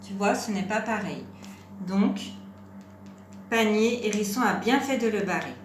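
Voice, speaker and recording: Woman teacher for a small children's phonics lesson: slow and patient, stretches words, echoey room with faint noise. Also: mid-range voice. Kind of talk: home-school phonics lesson for young children.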